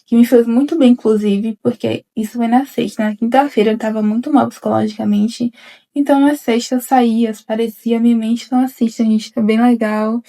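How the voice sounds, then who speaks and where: A woman's voice: a little high, fairly even intonation, fairly quick, dark tone. A young woman in her twenties, a new dentist, talking in a casual confessional vlog, rambling and often addressing viewers directly. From Bahia interior, Brazil. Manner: rambling, repeats "gente" often, frequent restarts. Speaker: vlogger, newly graduated dentist.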